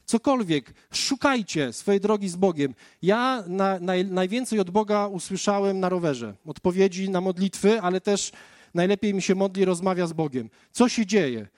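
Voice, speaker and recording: In a dry, studio-quality recording, a man with a high-pitched, expressive, somewhat dark voice speaks at a moderate pace. He delivers a conversational sermon, recounting his own testimony as a story and talking directly to his listeners.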